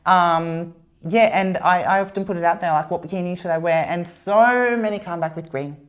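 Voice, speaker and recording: A woman's voice: on the low side, normal speed, highs cut off. A woman, a podcast guest talking casually, swearing now and then and restarting her sentences. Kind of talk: casual chat.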